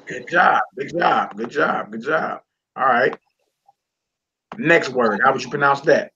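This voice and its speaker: A man's voice: mid-range voice, animated, unhurried, pushed and bright, highs cut off, a little hiss or hum. A man teaching a Hebrew reading lesson, encouraging his student and repeating words and phrases.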